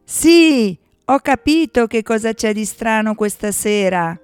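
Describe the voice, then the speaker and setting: A woman voicing an excitable male woodland inventor animal in a children's storybook, eager and exclamatory. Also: mid-range voice, slow, no echo, faint music behind, natural voice. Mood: excited.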